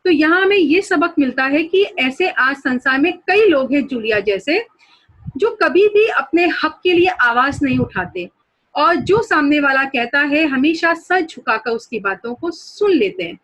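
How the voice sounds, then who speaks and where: A woman's voice: high-pitched, lively intonation, a little slow, fairly bright tone. A woman teacher explaining a story lesson to students, guiding them through pictures and new words.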